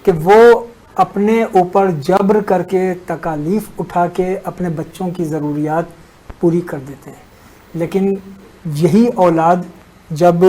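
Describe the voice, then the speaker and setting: A man as a religious scholar on a talk show, explaining a teaching in a measured way and unfolding a story with pauses. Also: high voice, dark tone, poor audio.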